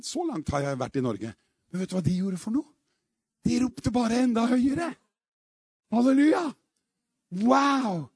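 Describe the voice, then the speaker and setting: A man's voice: fairly high pitch, husky, no room sound, studio quality. A middle-aged man from Norway, preaching a charismatic revival sermon and calling out hallelujahs. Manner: shouting hallelujahs, rising to exclamations.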